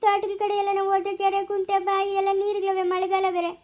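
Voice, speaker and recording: A woman's voice: very high-pitched, monotone, fast, darkish tone. A woman playing an older village woman who frets tearfully and then soothes, speaking in a village family drama. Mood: fretful. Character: older village woman, elder sister, calming yet fretful.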